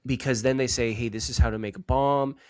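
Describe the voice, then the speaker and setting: A man's voice: medium pitch, steady tone, a little fast, dry recording. A man co-hosting a podcast, rambling and joking in casual chat and swearing freely. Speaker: podcast co-host.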